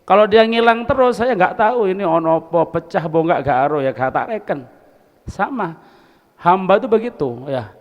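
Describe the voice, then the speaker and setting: A man leads a religious study circle and talks in a relaxed, folksy way. He asks his listeners questions as he goes. His voice sits a little high and carries a long reverb from the hall. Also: moderate pace, dull audio. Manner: folksy and conversational, asks the audience questions, mixes in Arabic phrases. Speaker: religious teacher. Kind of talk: Islamic study-circle sermon. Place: hall of a boarding school.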